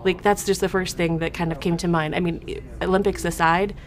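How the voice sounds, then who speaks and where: A woman in an interview, speaking in quick, stammering phrases. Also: on the low side, fairly even intonation, soft background music.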